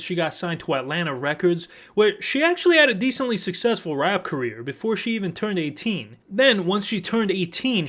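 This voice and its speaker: A man's voice: fairly high pitch, a bit bright. A man hosting a commentary video, narrating with sarcastic, profane, mocking asides. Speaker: commentary host.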